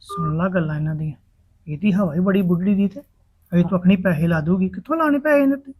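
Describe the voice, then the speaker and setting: A man's voice: high voice, quick pace, darkish tone, husky. An actor playing a worried, easily swayed married village man in a family drama, hesitant and deferential. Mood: dejected. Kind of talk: acted family drama dialogue.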